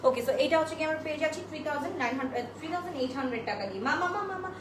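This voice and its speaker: A woman's voice: sits high, racing. A woman hosting a live-stream dress sale, chatty, greeting viewers by name and mixing in English phrases, speaking into a phone. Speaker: online boutique seller hosting a live sale. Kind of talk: live-stream sales pitch. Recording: roomy echo with steady background noise.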